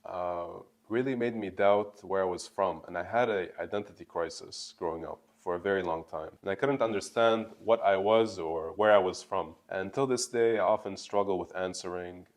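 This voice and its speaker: A man's voice: sits low, moderate pace, hardly any pauses. A man in his twenties from Bulgaria, hosting his own channel and telling a personal story to camera in a candid, earnest way. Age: 20s. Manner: earnest, candid, lively emphasis on key words. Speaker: YouTube channel host.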